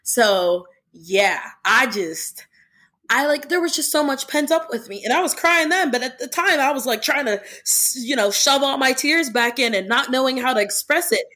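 Young woman podcast host, somewhat high voice, earnest, rambling casual delivery. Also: lively intonation, normal speed, bright, forceful tone. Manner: earnest, lots of "like" fillers. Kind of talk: casual chat.

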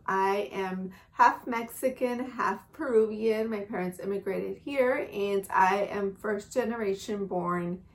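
A young woman co-hosting a podcast, chatting casually and laughing often as she talks. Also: medium pitch. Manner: laughs often while talking. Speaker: co-host.

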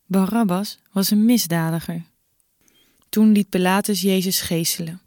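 Female narrator, measured scripted Bible reading, dry recording. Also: mid-range voice, fairly even intonation, a little mellow, no echo.

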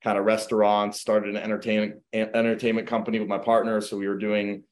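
A middle-aged man speaks fast with a voice on the low side, guesting in a casual interview over a video call. The Croatian-born, US-raised real estate agent talks through his background in a relaxed manner, peppered with fillers like um and you know.

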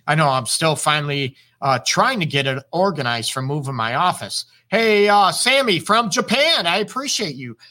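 A man's voice: a little high, big pitch swings, normal speed, pushed and bright. A middle-aged man from the United States, a relationship therapist, hosting a casual live advice show and greeting viewers by name between many fillers. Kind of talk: live-stream advice talk.

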